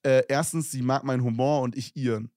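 A man's voice: mid-range voice, steady tone, brisk, a little mellow. Young man reading listener messages, slangy. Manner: slangy, laughing, reads messages aloud. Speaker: podcast co-host.

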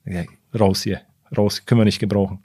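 A man's voice: fairly low pitch, level tone, fairly quick, dark tone, slightly rough, no echo. A man, a retired goalkeeper, telling stories from his career as a guest in a casual studio interview, rambling with many fillers and restarts. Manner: retells conversations in direct quotes. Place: podcast recording studio.

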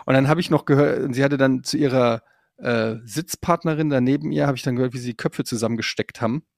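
A man's voice: mid-range voice, quick pace, creaky, no room sound, clean studio sound. A man chatting on a podcast, recounting an anecdote with lots of restarts and fillers and getting worked up as he goes. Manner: animated anecdote-telling, many restarts and fillers; gets worked up while recounting. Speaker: podcast co-host telling a story. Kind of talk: casual chat.

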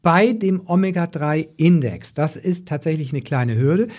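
A man's voice: a little high, lively intonation, a little slow, a little mellow. A man explaining as an expert in podcast conversation, emphatic and opinionated, repeating points for stress. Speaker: nutrition doctor, podcast expert.

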